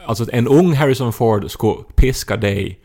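A man co-hosting a podcast in casual chat, telling anecdotes thoughtfully with hesitant pauses. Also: mid-range voice, a little mellow. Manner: thoughtful anecdote-teller, hesitant with filler sounds. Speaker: podcast co-host.

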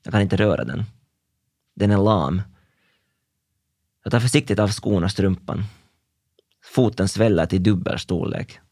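Young male narrator, intense and introspective, dry close sound, animated delivery. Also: on the low side, no echo. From Finland. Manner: intense, introspective present-tense telling. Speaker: dancer telling his own story. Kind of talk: scripted first-person narration.

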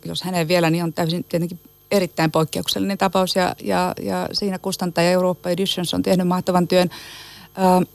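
Gravelly, low-voiced woman agent, emphatic. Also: a little mellow, dry recording. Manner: emphatic, piles up lists of words; repeats words when starting phrases. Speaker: literary agent, guest. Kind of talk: radio interview answers.

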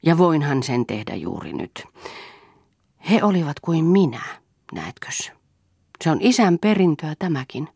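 Woman reading a brooding older guy, low quiet gravelly voice, dry close sound. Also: sing-song, dry recording, exaggerated voice. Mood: reflective. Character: brooding middle-aged man, self-mocking, melancholy.

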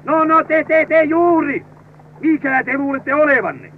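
An actor playing a stern army drill sergeant, barking commands and scolding a recruit. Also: male voice, very high voice. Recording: tinny old radio recording with hiss.

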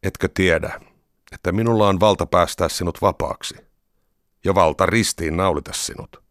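A man voicing a stern Roman governor in a scripture reading, measured and questioning. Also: deep voice, fairly bright tone, no room sound, clean studio sound.

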